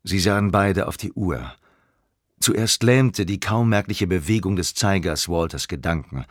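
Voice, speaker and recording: A man narrating a dark short story in a measured, dramatic storytelling manner. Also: low voice, no room sound, studio quality. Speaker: audiobook narrator.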